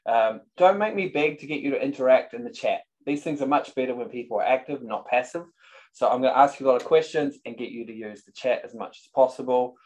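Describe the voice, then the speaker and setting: A man's voice: medium pitch, fast, a little mellow, rough recording. A man from New Zealand with a New Zealand accent, teaching a webinar over a video call and upbeat as he coaxes the audience to join in. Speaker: real estate trainer.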